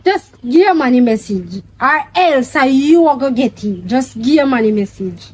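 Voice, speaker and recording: An actress playing a brash young woman with a Jamaican accent, loud and confrontational as she hunts for a man who broke a bike. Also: high-pitched, expressive, moderate pace. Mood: threatening. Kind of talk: street drama acting.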